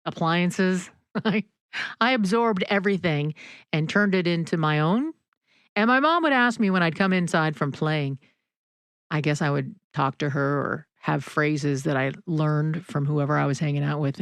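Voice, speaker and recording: Woman podcast host, casual storytelling, lowish voice, dry close mic. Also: clean tone, no echo. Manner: chatty, laughs often, folksy asides.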